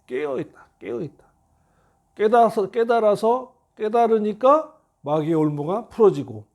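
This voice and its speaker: A middle-aged male pastor preaching a sermon, telling a story and reading scripture slowly and earnestly. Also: fairly high pitch, darkish tone.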